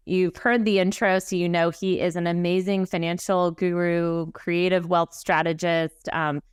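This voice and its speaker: A woman's voice: fairly low pitch, clean tone, dry recording, studio quality. A woman hosting a podcast, upbeat and enthusiastic, with many fillers. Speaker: podcast host. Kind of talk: interview hosting.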